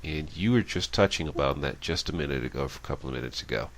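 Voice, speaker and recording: A man hosting a radio talk show, chatting with a guest and telling a joke with lively delivery. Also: a bass voice, fast talker. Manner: animated storyteller, raises voice for quoted characters. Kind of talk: casual interview, telling a joke.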